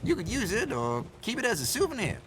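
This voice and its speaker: An actor playing a folksy, teasing old country shopkeeper with an American Southern accent and a youthful, sprightly manner, in a video game. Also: male voice, sits high, wildly swooping pitch, fast, fairly bright tone, a little hiss or hum, exaggerated voice. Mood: friendly, explanatory. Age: older. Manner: youthful, spry elder, folksy and playful. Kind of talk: video game character dialogue.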